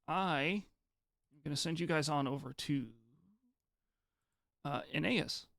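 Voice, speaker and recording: A man's voice: a little high, takes it slowly, gravelly, a bit bright, no room sound, clean studio sound. A man streaming live, chatting casually with viewers in a rambling, hesitant way, often restarting his sentences. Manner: reads and answers chat messages.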